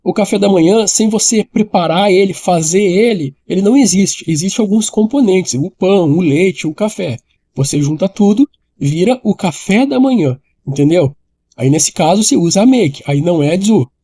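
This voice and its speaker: A man gives an online English lesson. His voice sits high but sounds soft and mellow, with no edge to it. He explains patiently, repeating each point and addressing the viewer directly. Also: animated, moderate pace, slightly rough. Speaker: English teacher.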